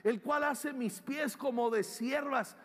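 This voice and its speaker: Impassioned older male preacher, high voice. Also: slow. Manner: impassioned, swings from shouting to hushed. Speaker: pastor. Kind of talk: sermon. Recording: long hall reverb.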